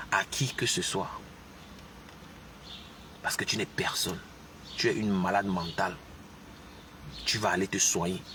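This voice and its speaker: A man's voice: on the low side, sharp tone, far from the mic, a little hiss or hum. A man giving opinionated live commentary, insisting on his points with repeated rhetorical questions.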